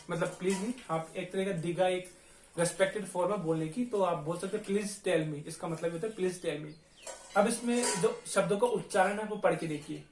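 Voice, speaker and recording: A man from India teaching a Spanish lesson, who patiently repeats words slowly to drill pronunciation. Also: high-pitched. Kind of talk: online language lesson. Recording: echoey room, faint noise.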